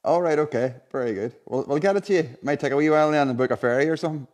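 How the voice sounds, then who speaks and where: A man's voice: fairly high pitch, racing, darkish tone. A man of around forty informally presenting a live prize draw in a chatty, colloquial way. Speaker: competition draw host. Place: indoor showroom unit with a car and screen.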